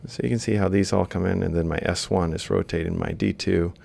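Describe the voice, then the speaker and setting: With a low, gravelly, slightly mellow voice, a university lecturer moves fairly quickly and flatly through an instructional screen-capture lecture. He thinks aloud as he writes, explaining each step and reciting values piece by piece.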